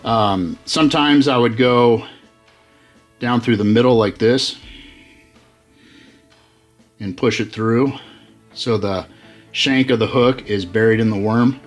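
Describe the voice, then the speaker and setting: This middle-aged fishing host talks slowly with long pauses, his voice medium in pitch and faint music behind him. Relaxed and prone to fillers and restarts, he walks through rigging baits in a tackle-covered workshop.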